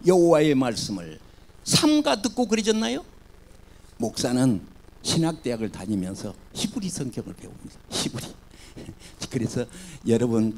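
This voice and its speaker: A male pastor preaching a sermon, swinging between loud exclamations and soft asides. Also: medium pitch, slight background noise.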